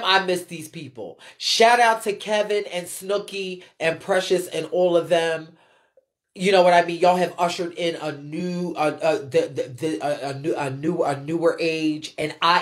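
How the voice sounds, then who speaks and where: A woman with a lowish, slightly slow voice rants off the cuff on a livestream, blunt and emphatic, swearing freely in heavy slang and repeating phrases to hammer her points home. She hosts the stream and comments on the ballroom scene, and the talk is entirely unscripted.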